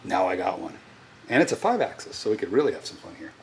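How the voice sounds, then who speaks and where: A man's voice: low-pitched, sing-song, fast, a little mellow, a little hiss or hum, poor audio. A man chatting casually in a machine shop, rambling with fillers and restarts as he shows off new equipment.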